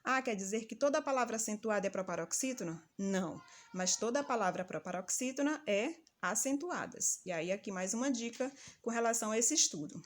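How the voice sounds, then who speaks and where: A woman teacher giving a patient, didactic lesson and calling out example words slowly and loudly. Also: fairly high pitch, expressive. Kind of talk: recorded grammar lesson for children.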